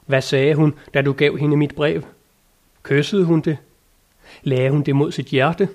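An eager, lofty old knight from a storybook, full of high-flown devotion, as a male narrator reads him, in a fairly high voice. His speech is grand and old-fashioned, urging and exclaiming. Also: steady tone, a little mellow, lightly acted. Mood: ardent. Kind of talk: audiobook character reading.

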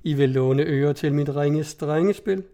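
A man's voice: a little high, natural voice. A man reading as a grovelling hunchbacked jester. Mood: fawning. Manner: grovelling, ornate flattery. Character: fawning hunchbacked male jester, flowery and servile.

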